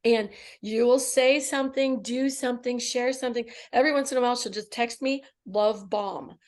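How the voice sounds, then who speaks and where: A woman hosts a relaxed chat, speaking a little high. She praises her co-hosts and steers the conversation from one person to the next. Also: brisk. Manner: warm, affirming, directs the turns. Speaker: host. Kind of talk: casual podcast chat.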